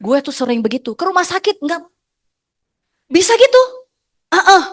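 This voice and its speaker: A middle-aged woman, giving a lively, chatty motivational stage talk as an agency leader, teasing her audience. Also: very high voice, normal speed.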